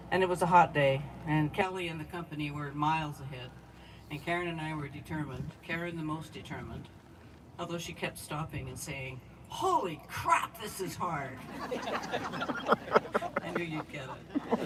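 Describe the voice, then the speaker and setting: A woman giving a memorial eulogy at an outdoor gathering, speaking straight to her departed friend with heartfelt warmth. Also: sits low. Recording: distant mic with outdoor noise.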